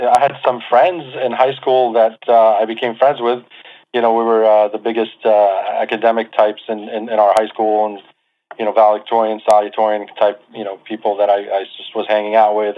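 A man's voice: fairly low pitch, slight background noise. Man in his 40s on a tinny line. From Lebanon. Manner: chatty, self-deprecating, many fillers and restarts. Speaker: guest. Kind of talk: casual interview talk.

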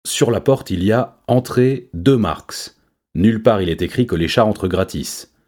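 A man's voice: lively intonation, normal speed, a little mellow. A man voicing a greedy male chimpanzee who runs the till, yapping his words in a storybook reading. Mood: bossy. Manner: shrill, bossy.

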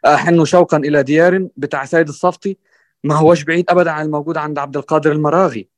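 Fast-talking Egyptian man, hesitant and earnest. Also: on the high side, fairly even intonation, no room sound. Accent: Egyptian Arabic. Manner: hesitant, many restarts and fillers, checks in with "right?"; earnest and exhorting. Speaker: guest musician on a panel. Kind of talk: conversational discussion.

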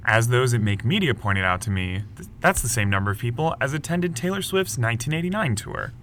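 A man co-hosting a news podcast, reading scripted headlines in a brisk, lightly wry way. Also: mid-range voice, big pitch swings, fairly bright tone, a little hiss or hum. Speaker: podcast co-host.

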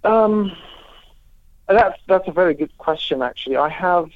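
Hombre de Líbano por línea telefónica. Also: male voice, sits high, lively intonation, dry recording. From Lebanon. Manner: halting, with many restarts and repeated words. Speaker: humanitarian aid worker. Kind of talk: remote interview answers. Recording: tinny phone line.

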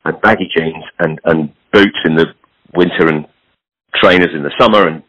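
A man's voice: very deep voice, fairly even intonation, moderate pace, fairly bright tone, no room sound, lo-fi sound. A man in his sixties, a clothing entrepreneur talking frankly in a casual, rambling way. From British. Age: 60s. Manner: frank, rambling, self-deprecating. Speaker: podcast guest, clothing entrepreneur. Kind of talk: casual conversation.

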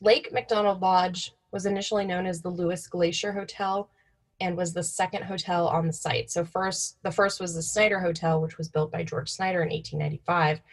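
A woman's voice: on the low side, fairly even intonation, fairly quick. A young woman co-hosting in an informal, offhand way, telling stories partly read from notes. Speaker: podcast co-host.

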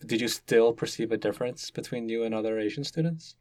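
A podcast host from Canada, first language Cantonese, speaks a little fast in a medium-pitched voice. He's curious and gently probing throughout the conversational interview, and the recording is dry.

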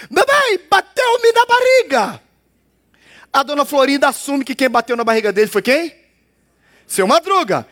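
A male pastor preaches in a playful, teasing, conversational way. His voice sits very high and swoops up and down. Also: fairly bright tone. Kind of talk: sermon.

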